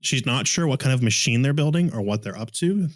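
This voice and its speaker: A man's voice: mid-range voice, animated, fairly quick, dry recording, clean studio sound. A man running a tabletop game as game master, describing scenes in a rambling way with many fillers while he is starting to lose his voice from a sore throat.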